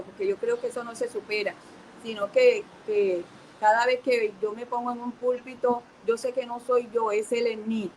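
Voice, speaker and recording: A middle-aged woman pastor giving a personal testimony in an earnest, halting way, with many restarts and repeated words. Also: a little high, a little hiss or hum, poor audio. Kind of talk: personal testimony to an online audience.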